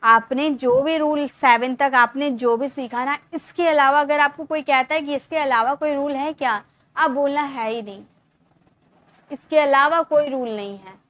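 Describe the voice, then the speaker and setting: A young woman teaching English grammar in Hindi, explaining step by step, repeating words slowly and asking her class questions. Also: high-pitched, steady tone, fairly bright tone, dry recording. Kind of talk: Hindi-language grammar lesson.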